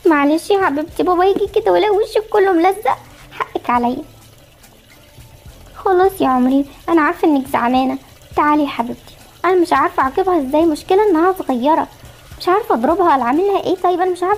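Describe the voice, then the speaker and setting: A woman's voice: very high voice, a little hiss or hum. A woman voicing a fretful Egyptian mother. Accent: Egyptian Arabic. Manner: fretful, scolding and soothing by turns. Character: worried young mother of twin girls. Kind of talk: amateur voiced game story.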